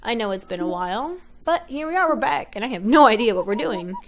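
Fast and expressive, a young woman's slightly high voice carries her casual let's play commentary. She's stuffed up from allergies, rambling along, correcting herself often, and sounding unsure of herself.

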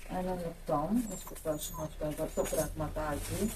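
A woman vlogger with a sore throat from a cold, speaking softly and coaxingly to timid animals in a garden, between casual narration. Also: low-pitched, fairly even intonation, noisy background. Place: outdoors in a garden.

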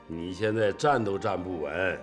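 A man's voice: low voice, a little slow, music in the background. A fussing kindly old man. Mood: coaxing. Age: older. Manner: coaxing, fussing, repeats himself. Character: kindly old man nursing a sick young woman. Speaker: elderly caretaker. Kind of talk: TV drama acting.

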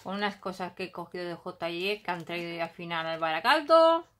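A woman's voice: lowish voice, big pitch swings, brisk, fairly bright tone. Chatty Spanish woman showing her craft haul. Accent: Basque Country Spanish. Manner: chatty, thinks aloud, hums filler sounds while unpacking. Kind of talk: casual haul commentary. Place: home, at a table.

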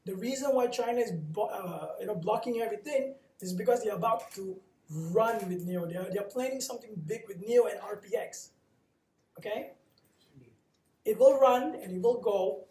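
A man's voice: high voice, normal speed, pauses often, dark tone. A man from Singapore speaking as a panelist, talking with emphatic, punchy confidence. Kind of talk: live panel talk. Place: coworking space event room. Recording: echoey room from far off.

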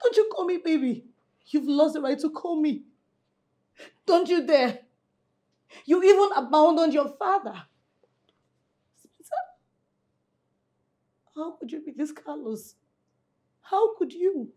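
A wronged young woman speaks in a high, mellow voice. She is cold and reproachful, each line carrying hurt resentment. Her tone stays warm-edged despite the high pitch. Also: animated, slow pace, pauses often.

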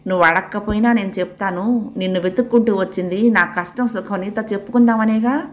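A woman's voice: mid-range voice, fairly even intonation, fairly quick, natural voice. A woman voicing a grown woman who confides in an old friend, reproachful and teasing.

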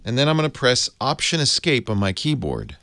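A man's voice: medium pitch, big pitch swings, brisk, fairly bright tone, dry recording. A man hosting a casual tech tutorial, chatty and easygoing, chuckling as he explains. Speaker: host.

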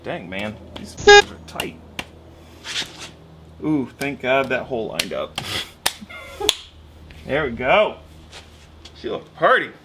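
A man's voice: mid-range voice, huge pitch swings, slow pace, pauses often. A man in his thirties talks through his engine work in a home garage, loose and easygoing, explaining each step as he goes. His voice sits in a middle range and is picked up by the camera mic. A faint hiss and tool clicks run behind him. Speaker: garage mechanic host. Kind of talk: casual how-to narration.

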